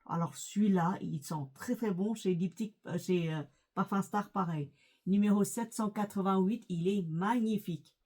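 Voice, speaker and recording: A woman's voice: mid-range voice, moderate pace, warm tone. A middle-aged woman chatting casually in a vlog, hesitant, with many fillers and restarts. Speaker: lifestyle vlogger. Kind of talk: casual chat about perfumes.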